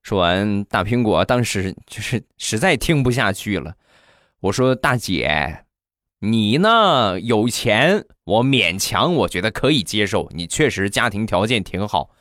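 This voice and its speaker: A man hosting a comedy show, telling funny anecdotes in a chatty, animated manner and acting out the voices. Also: fairly low pitch, a little slow, dry recording, studio quality. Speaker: comedy host. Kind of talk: comic storytelling.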